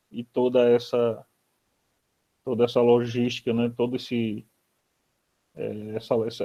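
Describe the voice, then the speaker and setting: Man, brazilian accent, moderator, halting speech, dull lo-fi video call sound. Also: mid-range voice. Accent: Brazilian Portuguese. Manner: hesitant, many fillers and restarts. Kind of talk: online academic interview.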